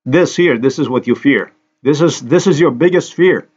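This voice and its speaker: A man's voice: a little high, moderate pace, a little mellow, husky, highs cut off. A man from Slovenia, a native Slovenian speaker, giving an angry, accusatory, repetitive monologue over a screen recording.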